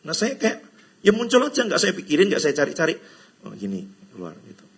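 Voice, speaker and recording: A man's voice: fairly high pitch, wildly swooping pitch, brisk, husky. A middle-aged man from Indonesia, a pastor giving a chatty, teasing sermon to a church gathering, slipping into English phrases and playful quoted voices. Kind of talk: conversational sermon. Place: church hall.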